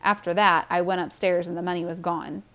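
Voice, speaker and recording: A woman voicing a guilty, defensive young boy in a storybook reading, loud and exasperated. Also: fairly low pitch, little pitch movement, fairly quick. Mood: glum. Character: boy Evan, guilty, defensive older brother.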